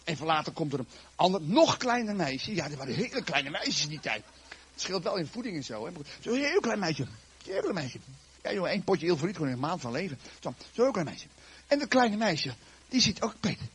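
A man preaching a sermon to his congregation, retelling a Bible story in a lively, joking way with a raspy voice. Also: on the high side, brisk.

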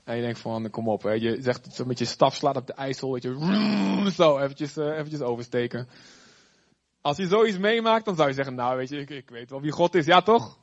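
A man preaching a sermon in a lively, conversational way with chatty asides. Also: medium pitch, normal speed, muffled recording. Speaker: pastor.

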